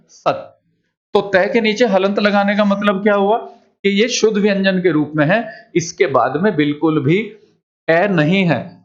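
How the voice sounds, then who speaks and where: A man teaching a Hindi class who explains step by step and asks questions that he answers himself. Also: high voice. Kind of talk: classroom lesson. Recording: dull lo-fi recording.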